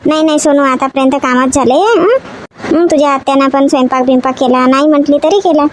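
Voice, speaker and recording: A woman acting in a comedy sketch, complaining and nagging in rapid chatter. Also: high voice, slight background noise. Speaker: comic actor.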